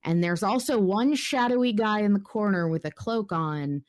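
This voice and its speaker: A woman speaks at a moderate pace in a mid-range voice while hosting a casual podcast. Her delivery is conversational, with thinking aloud and occasional comment readings.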